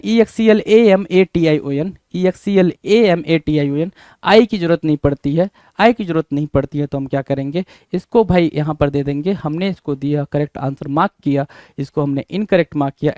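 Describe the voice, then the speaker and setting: A male teacher spells words aloud letter by letter and keeps asking his students questions, then answers them himself. His voice sits a little high and sounds smooth and crisp, recorded dry and close. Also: normal speed, darkish tone, no echo. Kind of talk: spelling lesson.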